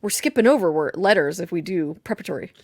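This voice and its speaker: A woman co-hosting a casual podcast chat about a video game, thoughtful and quick to laugh, recorded close on a desk mic. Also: fairly low pitch, expressive, darkish tone, dry recording. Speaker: podcast co-host.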